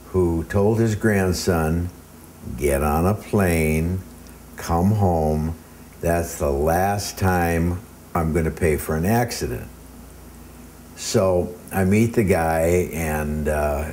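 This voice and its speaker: A man's voice: sits low, warm tone, a little hiss or hum. A man being interviewed, telling long rambling anecdotes in a casual way with plenty of hesitations. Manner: rambling anecdotes with many ums. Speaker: interview guest. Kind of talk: casual storytelling.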